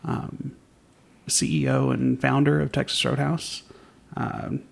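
A man's voice: medium pitch, flat delivery, slow, creaky. A young man co-hosting a home podcast, chatting in an easygoing, rambling way with plenty of restarts. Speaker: podcast co-host. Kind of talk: casual chat. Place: home at night.

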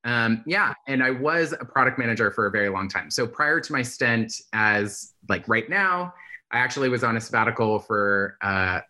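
A man from the Bay Area, a guest in a casual interview, talking in a relaxed, chatty way with lots of "like". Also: mid-range voice, normal speed. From San Francisco Bay Area, US. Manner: relaxed and chatty, heavy use of "like". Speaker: guest, UX researcher.

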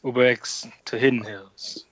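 A man's voice: medium pitch, steady tone, a little slow, a bit bright. A man co-hosting a podcast, teasing the others and steering the talk. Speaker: podcast co-host. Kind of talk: casual chat.

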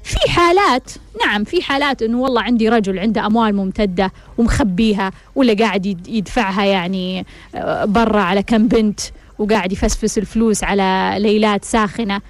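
A woman hosts an advice show, speaking bluntly to listeners and firing off rhetorical questions. Her mid-range voice is fast, and the recording is dry.

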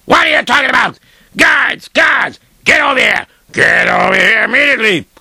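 A man's voice: high voice, big pitch swings, takes it slowly, gravelly, bright, forceful tone, breathy edge, no room sound, heavily acted. A man voicing a rich, arrogant, hot-tempered lord who barks orders at his servant and guards. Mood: angry. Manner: bossy, barking orders. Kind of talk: amateur audio storytelling.

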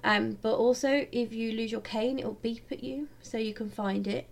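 A woman with a fairly high voice co-hosts a podcast. She talks in casual chat, with an informal and jokey manner. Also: steady tone, normal speed, creaky. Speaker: podcast co-host.

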